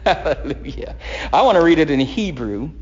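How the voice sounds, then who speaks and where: A man teaching through the Bible as a sermon, reading scripture dramatically and drawing out Hebrew words slowly. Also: a little high. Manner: expressive, reads scripture dramatically, draws out words; reads Hebrew aloud slowly. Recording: dull lo-fi podcast recording.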